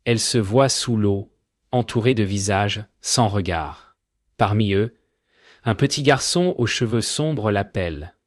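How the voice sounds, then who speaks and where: Male fairy-tale narrator, low and slow, solemn, dry close sound. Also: animated, no echo. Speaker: storyteller.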